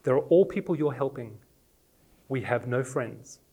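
Preaching a personal sermon to his congregation, an Australian man in his forties tells lively, self-mocking stories in an accent that mixes Australian and English elements. His medium-pitched voice has a breathy edge, and he talks a little slowly.

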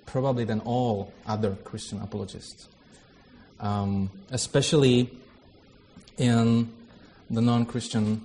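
A Czech-accented theology lecturer from the Czech Republic opens a workshop in an informal way, with a prayer. His mid-range voice is mellow and steady, and he talks slowly over slight background noise. He sounds hesitant and self-deprecating, with frequent fillers.

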